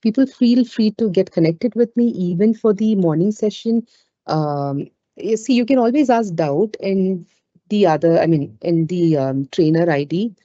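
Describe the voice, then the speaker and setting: Female webinar trainer, Indian accent, mellow conversational delivery, roomy lo-fi call audio. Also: lowish voice, moderate pace. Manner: conversational, with frequent "you know" asides. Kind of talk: informal live webinar talk with audience questions. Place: indoors on an online webinar call.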